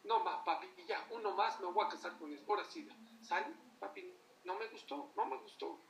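A man's voice: sits high, normal speed, gravelly, fairly bright tone, distant mic, slight background noise. A man voicing a spoiled young princess begging her father, with a whiny, pleading manner, in an echoey room away from the mic.

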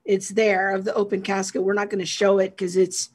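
A woman's voice: mid-range voice, flat delivery, fairly quick, a little mellow, slightly rough. A woman hosting a casual discussion, steering the talk with questions and prompts. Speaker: host.

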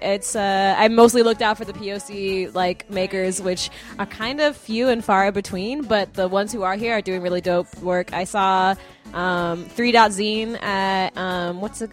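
A woman guest at an art book fair, talking in an upbeat, slangy, casual way. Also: mid-range voice. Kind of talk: casual chat.

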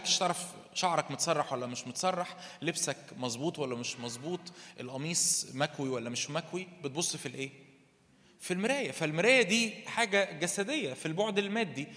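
This is a young man preaching in Egyptian Arabic, talking fast and fervently and swelling into loud, emphatic peaks. His voice sits a little high and sounds bright and forceful. A long reverb from the hall trails after his words. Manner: asks the crowd questions and answers them himself. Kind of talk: sermon. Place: church meeting hall.

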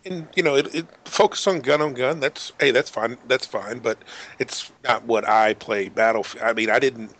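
A man's voice: medium pitch, normal speed, fairly bright tone, low-quality recording. A man in a casual gaming podcast chat, blunt and opinionated, cracking crude jokes.

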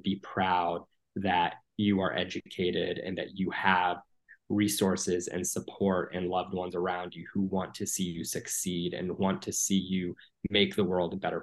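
A man in his thirties from the United States speaks as an interview guest in a low, even voice that barely rises or falls. He talks earnestly and steadily, leaning on "um" and "you know" as he gathers his thoughts. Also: low-quality recording. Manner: earnest, measured, many "um" and "you know" fillers. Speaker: guest, former political appointee. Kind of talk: podcast interview.

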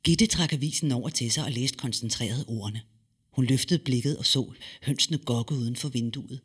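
A man reading a story aloud with lively, expressive delivery and dramatic pauses. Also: mid-range voice, breathy edge. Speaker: narrator.

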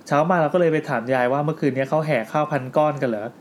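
A man's voice: on the high side, rapid-fire. A man hosting a podcast, retelling listener ghost stories to his co-hosts in a storytelling way and reading letters aloud with his own asides. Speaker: podcast host. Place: indoor studio with co-hosts.

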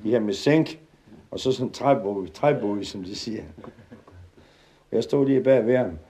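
A man tells a funny anecdote to a live audience in a lively, chuckling way. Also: mid-range voice. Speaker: storyteller. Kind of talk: comic storytelling to a live audience.

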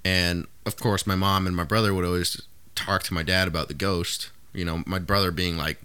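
A man's voice: deep voice, moderate pace, smooth, no room sound. A young man co-hosting a podcast, chatting casually and telling stories animatedly, jumping in and out of quoted voices. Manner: animated storyteller, swoops into character voices. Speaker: podcast co-host. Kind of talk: casual chat.

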